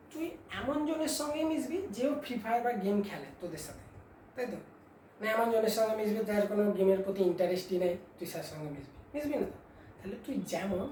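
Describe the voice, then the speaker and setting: Woman, teacher, classroom lesson, mellow tone, echoey room, faint ambience. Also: medium pitch, a little hiss or hum. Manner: addresses students informally, asks and answers own questions, dictates slowly. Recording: echoey room, mic at a distance.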